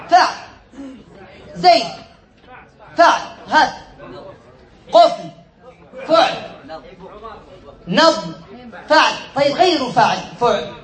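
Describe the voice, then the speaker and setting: High-pitched male teacher quizzing his class, roomy echo. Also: fairly bright tone. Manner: quizzes students, repeats and corrects himself, chuckles. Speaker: sheikh teaching Arabic morphology. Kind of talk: classroom lesson. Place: classroom with students.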